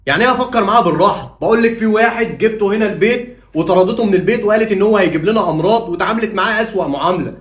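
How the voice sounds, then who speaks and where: A man's voice: high-pitched, racing, few pauses, fairly bright tone. A young man with an Egyptian accent playing an indignant husband who argues insistently. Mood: heated. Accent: Egyptian Arabic. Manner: heated, insistent. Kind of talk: short-film acting. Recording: roomy echo, faint music.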